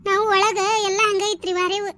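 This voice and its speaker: A woman voicing bickering, gossipy village women in a cartoon, with a North Karnataka Kannada accent and quick, scolding banter. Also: very high voice, little pitch movement, sharp tone, no room sound. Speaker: voice of a cartoon series.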